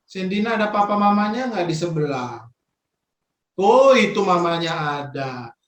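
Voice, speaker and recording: A man's voice: high voice, animated, unhurried, reverberant. A man leading a children's Sunday school session over a video call, coaxing the kids with playful questions. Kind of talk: children's online worship Q&A.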